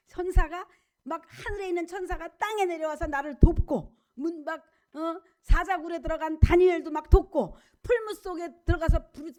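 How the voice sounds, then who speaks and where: A middle-aged woman pastor giving a sermon, telling a story with lively quoted voices and questions to the congregation. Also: high voice.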